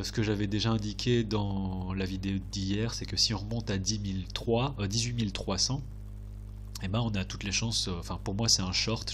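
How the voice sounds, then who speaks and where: A man with a fairly deep voice talks through charts in an informal, hesitant way. His nose is blocked and his throat sore, so he sounds stuffy and nasal. Some background noise and hum sits behind him. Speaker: host of a crypto chart analysis video. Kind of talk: casual technical commentary over charts.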